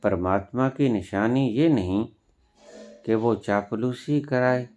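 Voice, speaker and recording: A man with a Punjabi accent giving a slow, deliberate sermon as a spiritual teacher, pausing for emphasis and stressing key words. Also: mid-range voice, darkish tone, faint music behind.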